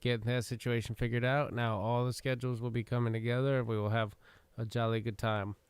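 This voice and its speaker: A man's voice: medium pitch, little pitch movement, brisk, clear, resonant tone, no echo. A man hosting a livestream who talks in a rambling, casual way and swears freely while he has the hiccups. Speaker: livestream host. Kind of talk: casual gaming stream chat.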